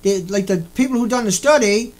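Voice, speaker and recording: A man delivering an angry, profane ranting monologue, repeating himself and bursting into shouts. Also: high voice, brisk, rough recording. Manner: repetitive, profane, indignant. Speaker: video host.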